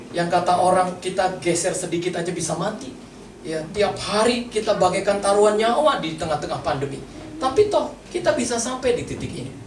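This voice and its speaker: A male pastor preaching a sermon and talking straight to his congregation in a plain, conversational way. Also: high voice. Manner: conversational, addresses the congregation directly. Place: church hall. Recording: echoey hall, mic from far off, noisy.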